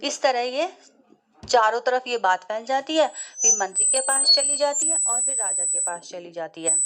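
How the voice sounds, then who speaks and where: A woman retells a folk play as a storyteller, narrating in a plain, steady way. Her voice is somewhat high for a woman. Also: normal speed, a little hiss or hum.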